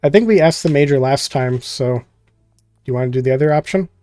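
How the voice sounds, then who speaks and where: Over soft background music, a man hosts a visual novel playthrough, offering rambling, jokey commentary and reading game text aloud while skimming it with filler words. His voice is medium-pitched and mellow, and he talks briskly.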